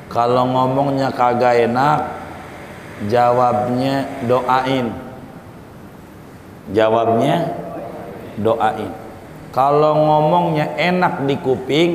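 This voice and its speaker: A male preacher giving a folksy sermon, repeating his points and addressing the listeners as brothers. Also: medium pitch. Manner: folksy, repetitive, calls listeners "saudara". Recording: echoey hall with faint noise.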